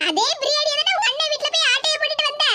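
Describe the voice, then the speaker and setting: Woman voicing an old cartoon mother, very high squeaky voice, bitter, sarcastic, scolding, loud background noise. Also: steady tone, racing. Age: older. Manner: scolding, self-pitying and sarcastic.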